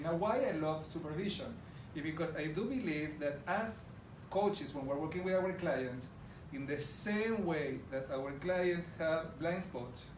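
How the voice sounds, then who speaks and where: An Argentine man with a fairly high voice and an Argentine Spanish accent gives a conference presentation to a live audience in an echoey, large room. Warm and enthusiastic, he speaks to the audience directly, and the audio is roomy and distant with background noise.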